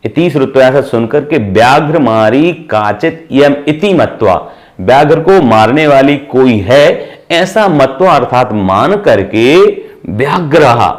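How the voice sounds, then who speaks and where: Male teacher, animated pitch, explains a text piece by piece, quizzes the class and answers himself. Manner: questions the class and answers himself, repeats words slowly. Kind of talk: Sanskrit lesson explained in Hindi.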